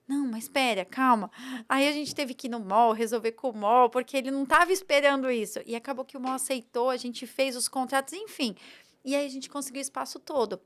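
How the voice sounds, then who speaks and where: High-pitched brazilian woman on a podcast, animated storyteller, gets emotional, quotes herself a lot. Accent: Brazilian Portuguese. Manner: animated, emotional, quotes her own thoughts. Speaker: podcast guest, entrepreneur.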